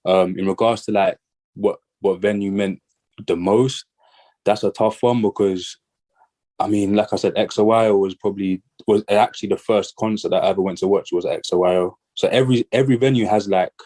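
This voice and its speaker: A man's voice: low-pitched, a little fast. A man, a musician being interviewed, chatting casually and loosely with many fillers, a bit out of breath. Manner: relaxed, rambling, lots of "like" fillers. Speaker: guest artist and musician.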